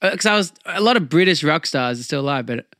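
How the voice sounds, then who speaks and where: A man co-hosting a casual record chat, easygoing and quick to laugh at his own slips. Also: fairly high pitch, expressive, sharp tone, dry recording, studio quality. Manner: easygoing, self-deprecating, laughs along. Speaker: podcast co-host.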